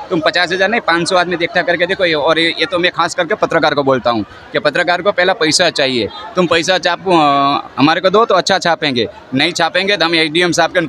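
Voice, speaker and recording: A man from Gujarat, a faith healer, answering interview questions in a blunt, rambling, defiant way at an outdoor camp. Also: a little high. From Gujarat, India. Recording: noisy outdoor field recording.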